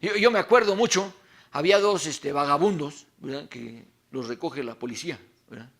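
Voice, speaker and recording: A man's voice: a little high, moderate pace, gravelly, fairly bright tone. A middle-aged man preaching animatedly to a men's conference, full of stories and rhetorical questions. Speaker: pastor.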